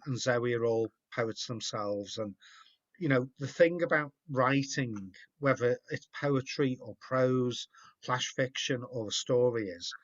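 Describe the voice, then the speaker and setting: A man hosting a video call, rambling and encouraging, often repeating words. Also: mid-range voice. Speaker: host. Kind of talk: casual chat. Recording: muffled video call audio.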